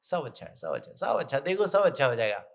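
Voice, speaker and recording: A middle-aged man giving a motivational spiritual talk, telling a parable and acting out the characters in lively, excited bursts. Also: mid-range voice, fast talker, gravelly.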